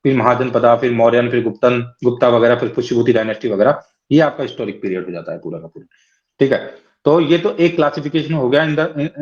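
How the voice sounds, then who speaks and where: A man's voice: medium pitch, a little mellow, lo-fi sound. A man teaching a class lecture, explaining step by step and often checking in with his listeners.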